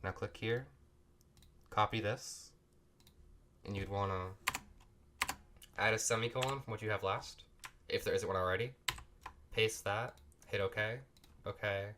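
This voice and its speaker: A man's voice: fairly low pitch, steady tone, a little slow, pauses often, bright, forceful tone, a little hiss or hum. A man with a sick voice walks through a coding tutorial in a casual, apologetic way, recorded at a home computer desk. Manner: loose and apologetic, talks while clicking through steps. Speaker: tutorial host.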